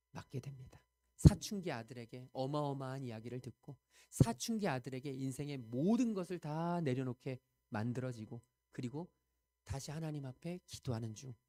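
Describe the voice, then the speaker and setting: A male pastor delivering a Sunday sermon, telling a story earnestly, rising to loud emphasis and dropping to hushed quoted prayers. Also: mid-range voice. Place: church sanctuary.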